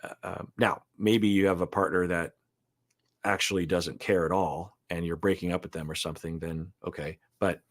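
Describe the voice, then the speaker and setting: A man's voice: low voice, fairly even intonation, moderate pace. A man speaking as a therapist in casual reaction commentary, thoughtful and hesitant, explaining relationship patterns. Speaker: therapist co-host reacting to a reality show.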